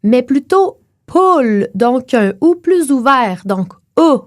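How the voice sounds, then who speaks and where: Lively Québécois woman explaining phonetics. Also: high voice, no echo, studio quality. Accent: Québécois French. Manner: clear teacherly delivery, slows to model sounds. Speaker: podcast co-host explaining phonetics. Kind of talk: explanatory podcast chat.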